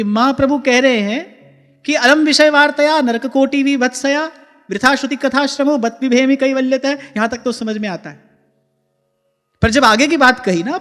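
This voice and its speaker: Casting: high-voiced male preacher, expressive devotional delivery, reverberant hall, faint music behind. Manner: expressive, shifting between explanation and slow recited verse. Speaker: spiritual preacher. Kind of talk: devotional discourse with chanted verses.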